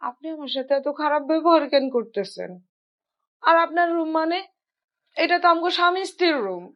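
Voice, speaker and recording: An actress playing a wronged young wife who pleads and apologizes. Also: female voice, high-pitched, animated, fairly quick, dull audio. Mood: pleading. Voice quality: pleading, tearful. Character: wronged young wife back from work abroad.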